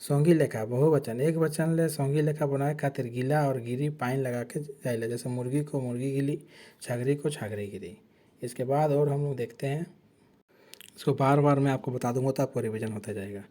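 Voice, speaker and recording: A man's voice: medium pitch, normal speed, mellow. A man teaching an exam-prep lesson, explaining terms from a slide and often correcting himself.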